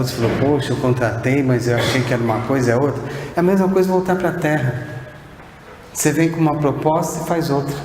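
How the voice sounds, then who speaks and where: A Brazilian man giving a spiritist lecture, posing one rhetorical question after another and sometimes speaking softly to a single listener. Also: mid-range voice. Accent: Brazilian Portuguese. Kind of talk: sermon-like lecture. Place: spiritist center hall. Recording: echoey hall with faint background noise.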